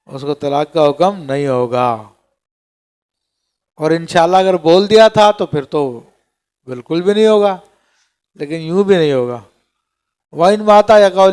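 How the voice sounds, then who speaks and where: Guy teaching islamic law class, reads arabic lines then explains, keeps asking theek hai, high clear voice. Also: darkish tone. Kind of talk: classroom lecture on a legal text.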